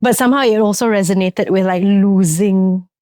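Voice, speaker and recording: A woman's voice: mid-range voice, moderate pace, warm tone, dry recording, clean studio sound. A young Singaporean woman, a theatre actress, chatting reflectively on a podcast with many fillers and restarts. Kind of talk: casual podcast chat.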